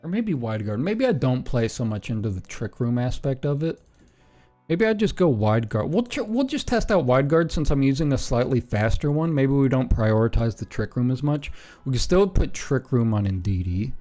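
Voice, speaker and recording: A relaxed male streamer in a mid-range voice muses aloud, pausing on ums and correcting himself as he goes. His talk is casual and unscripted. Faint music plays underneath. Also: mid-range voice. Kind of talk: casual stream commentary while building a team.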